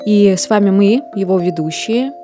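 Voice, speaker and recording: A woman's voice: medium pitch, animated, moderate pace, over music. A woman in her thirties, a podcast host telling stories in casual chat. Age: 30s. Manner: reflective, storytelling.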